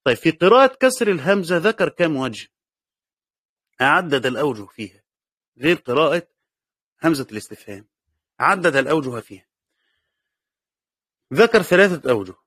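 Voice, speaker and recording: A man's voice: fairly high pitch, big pitch swings, brisk, pauses often, a bit bright, husky, dry recording, clean studio sound. Egyptian man lecturing on a text. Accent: Egyptian Arabic. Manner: reads a passage aloud, then explains it, repeating key words. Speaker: teacher of Quran commentary. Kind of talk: classroom lecture reading and explaining a text.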